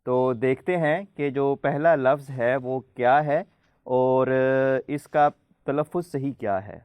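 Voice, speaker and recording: A man's voice: medium pitch, darkish tone, no room sound. Patient male host quizzing children. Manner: patient, spells out letters slowly to quiz children. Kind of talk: friendly studio hosting for children.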